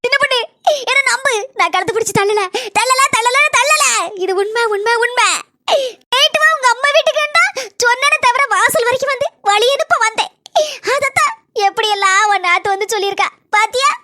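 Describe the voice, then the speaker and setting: A shrill scheming mother-in-law. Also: pushed and bright, no echo. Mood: pleading. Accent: Kanyakumari Tamil. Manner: shrill, rapid, repeats words insistently. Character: scheming middle-aged mother-in-law, defensive and pleading. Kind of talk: cartoon voice acting.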